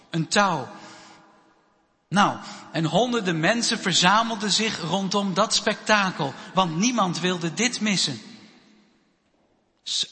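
Slow, high-voiced preacher in a hall. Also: male voice, pushed and bright. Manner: slow, storytelling delivery with pauses. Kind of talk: children's sermon. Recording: long hall reverb.

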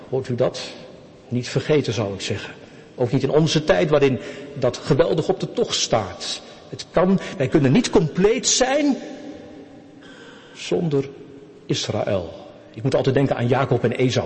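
A man's voice: on the high side, a little mellow. A man preaching a sermon to his congregation, asking them questions as he goes. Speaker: pastor. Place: church. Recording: long reverb of a church hall.

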